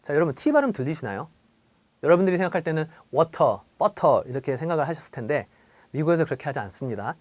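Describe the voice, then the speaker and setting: A man gives an English pronunciation lesson with a fairly high, animated voice that rises and falls a lot. He talks straight to his viewers in a conversational lecturing manner. The recording is close and dry, with no room sound. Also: dry recording. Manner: explains then repeats English phrases slowly and drawn out; lively, conversational lecturing, addressing viewers directly. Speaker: English teacher.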